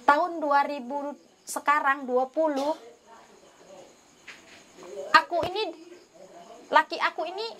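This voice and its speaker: A woman's voice: high-pitched, slow pace, pauses often, sharp tone. A woman giving an earnest, emotional testimony, pleading as she acts out her own prayers and conversations. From North Sumatra, Indonesia.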